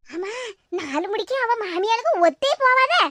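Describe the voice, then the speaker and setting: A woman with a Tirunelveli Tamil accent voicing a fussing, curious neighbor woman in a cartoon, with sped-up, high voice. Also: very animated, pushed and bright, a little hiss or hum, heavily acted. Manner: quick, fussing questions and homely chatter. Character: concerned older neighbor woman, curious about gossip.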